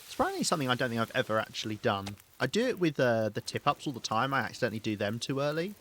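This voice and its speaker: A man's voice: medium pitch, sing-song, very fast, a bit bright, a little hiss or hum. A man with a Southern English accent chatting casually with his chat while streaming a game, talking freely and laughing often. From England.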